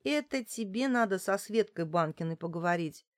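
Brief: woman reads a blunt, grudging young clerk, audiobook, mid-pitched, dry. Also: animated, normal speed, no echo, close to an everyday voice. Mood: sour. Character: sour young woman at a phone exchange.

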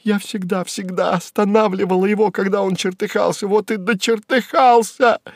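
A man's voice: steady tone, normal speed, no echo, studio quality. A man voicing a young, pretty female secretary who is hysterical and weeping, her voice a little nasal from crying. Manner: shrill, frantic exclamations. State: sobbing.

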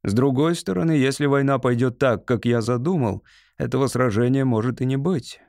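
A man gives voice to a calculating defector officer in a measured, thoughtful tone. The officer weighs each sentence coolly, at a middling pitch. The sound is dry and close to the mic. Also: creaky, darkish tone, no room sound, lightly acted. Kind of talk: audiobook character voice.

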